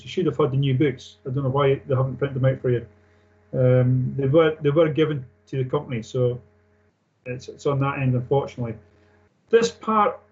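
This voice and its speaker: Guy instructor doing a classroom lecture, matter of fact, fairly high voice, lo-fi muffled audio. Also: darkish tone. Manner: matter-of-fact, informal explaining. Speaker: technical instructor. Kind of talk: classroom lecture on aircraft engine maintenance, reading and explaining. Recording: dull lo-fi sound.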